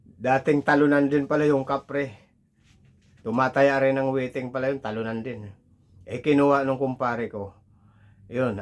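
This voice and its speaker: A man telling a funny folk story in a casual, rough way, swearing freely and talking straight to the listener. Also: mid-range voice.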